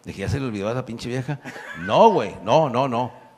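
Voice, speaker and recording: Gravelly northern Mexican comic in his sixties. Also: medium pitch, lively intonation, brisk, darkish tone, big-room sound, a little hiss or hum. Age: 60s. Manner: profane, rowdy, laughing through punchlines. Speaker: comedian. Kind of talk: crude stand-up storytelling.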